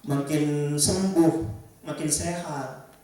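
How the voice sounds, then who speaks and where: Gentle preacher man in an echoey room. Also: fairly high pitch, steady tone, takes it slowly. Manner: gentle, repetitive, addresses listeners directly with questions. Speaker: Islamic preacher leading a ruqyah session. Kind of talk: religious counseling talk to a congregation. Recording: echoey room, distant mic, faint music.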